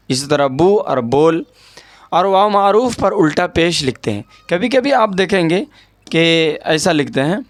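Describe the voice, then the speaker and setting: A man's voice: fairly high pitch, dry recording. A man teaching an Urdu grammar lesson. He explains patiently, repeats key words and checks in with the listener. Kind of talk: explaining a lesson over an on-screen document.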